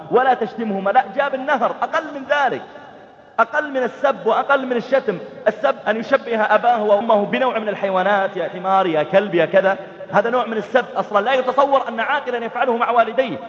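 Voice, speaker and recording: A man preaching a sermon, telling lively stories, acting out family dialogues and chanting verses. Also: extremely high pitch. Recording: dull, reverberant hall recording.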